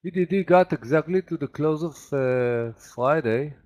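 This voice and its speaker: Halting non-native English-speaking male trader. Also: fairly high pitch, a little mellow, highs cut off. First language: not English. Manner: halting, thinking aloud. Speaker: stock day trader. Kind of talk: casual live trading commentary.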